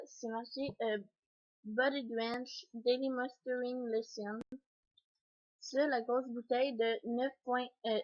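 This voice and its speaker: A woman's voice: fairly high pitch, darkish tone. A young woman with a Québécois French accent, hesitant and full of fillers, casually unboxing beauty products in a home vlog. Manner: hesitant, frequent fillers and throat clearing. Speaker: beauty vlogger. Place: home, indoors by a sunny window. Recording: dull lo-fi home video.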